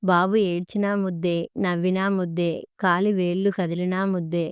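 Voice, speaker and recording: A woman tells a first-person story with steady, measured storytelling. Her voice is very smooth and clear. The recording is close and completely dry, with no room sound. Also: on the low side, no room sound. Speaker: audiobook narrator.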